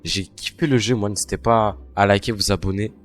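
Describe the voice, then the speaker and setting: A gamer panics his way through a horror game, commentating excitably and speaking right to his viewers. His pitch is fairly low and he talks a little fast.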